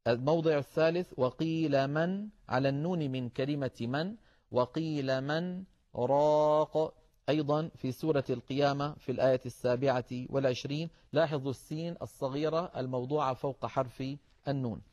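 A man teaching the rules of Quran recitation to listeners he calls brothers, calmly explaining each rule and then reciting the verses slowly in a drawn-out chant. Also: mid-range voice, dull audio. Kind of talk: religious lesson on recitation rules.

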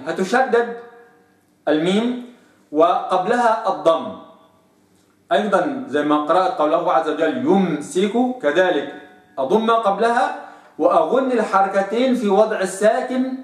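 A man with an Egyptian accent teaching recitation, who explains each point and then drawls out sample sounds slowly in a lower voice. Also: expressive, distant mic. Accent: Egyptian Arabic. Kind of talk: tajweed lesson. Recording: echoey room, voice off-mic.

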